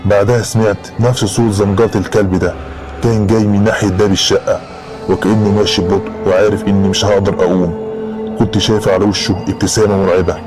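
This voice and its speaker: A man's voice: lowish voice, flat delivery, fast, music in the background. A man with an Egyptian Arabic accent narrating a horror story in the first person, in a dramatic storytelling style.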